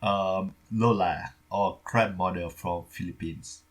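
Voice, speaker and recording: Husky low-voiced man, English. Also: steady tone. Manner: short agreeing replies, halting non-native phrasing. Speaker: podcast co-host. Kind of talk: casual film discussion.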